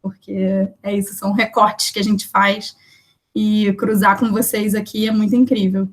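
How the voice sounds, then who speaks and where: A Brazilian poet and researcher introduces herself at an online poetry event from home over a video call, chatty and warmly thankful with lots of fillers. Her medium-pitched voice is flat and moderately paced.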